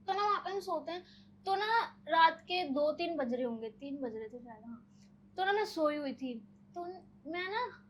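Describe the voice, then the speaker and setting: A young woman, a podcast guest, telling personal stories in a casual, animated way, often using filler words. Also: high-pitched, slight background noise, low-quality recording. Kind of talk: casual storytelling.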